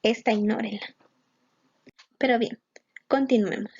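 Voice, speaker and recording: A woman's voice: on the high side, steady tone, unhurried, a little mellow, slightly rough, muffled recording. A woman teaching English grammar in a patient, explanatory online lesson, mixing English terms into her Spanish.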